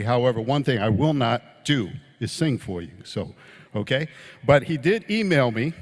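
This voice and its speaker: A man giving a hesitant acceptance speech, pausing often with fillers. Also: lowish voice, big-room sound. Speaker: award acceptor, musician. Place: large hall.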